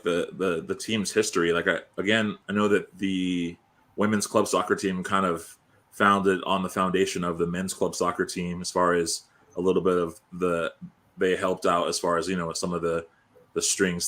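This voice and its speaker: A man's voice: low-pitched, steady tone, moderate pace, a bit bright. A man hosting an interview, asking questions in a casual, rambling and informal way. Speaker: interviewer, host.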